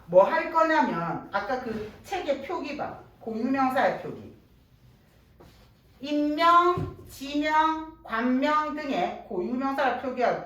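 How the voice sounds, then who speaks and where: A woman with a lilt lectures to a class, her fairly high voice swinging up and down with lively energy as she keeps quizzing her listeners. She is heard from some way off in a strongly echoing room, with faint noise underneath. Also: recorded from a distance. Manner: lively, checks understanding constantly with rhetorical questions. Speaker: Korean language teacher.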